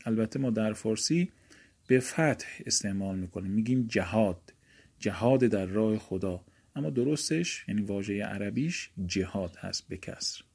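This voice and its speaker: A man whose first language is Persian teaching an Arabic grammar lesson, chanting verb forms slowly and then explaining them in casual speech. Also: mid-range voice, warm tone. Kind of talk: recorded lesson.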